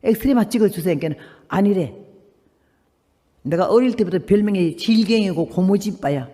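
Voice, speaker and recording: A woman's voice: mid-range voice, lively intonation, moderate pace, mellow, in a large hall. An older woman in her eighties, a missionary giving a testimony sermon, telling her story with fervent emphasis and acting out the people in it. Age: 80s. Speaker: missionary preacher.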